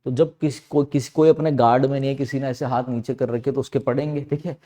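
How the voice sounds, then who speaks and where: A man with a mellow, rounded voice teaching a grammar lesson for exam preparation. He talks at a middle pitch and explains step by step, repeating key words and answering his own questions as he goes. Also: fairly even intonation, fast.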